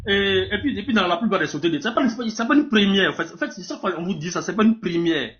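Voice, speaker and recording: Taking part in a live political debate, this Burkinabé-accented man from Burkina Faso speaks fast in a high-pitched, expressive, somewhat bright voice. He argues spontaneously, emphatic and repetitive, frequently tripping over his words, and the live stream audio is dull and lo-fi.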